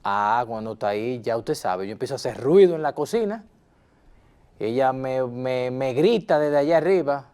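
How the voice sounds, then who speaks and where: A man's voice: medium pitch, lively intonation, moderate pace, a little mellow, smooth, close to an everyday voice. A man playing a hot-tempered husband in a role-played counseling session, insistent and repeating himself as he talks to his counselor. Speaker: counseling client.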